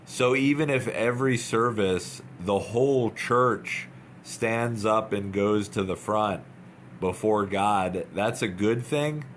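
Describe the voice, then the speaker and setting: Slow, earnest man urging, low voice. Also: slight background noise. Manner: earnest, urging, repetitive, halting. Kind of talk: informal devotional talk, unscripted.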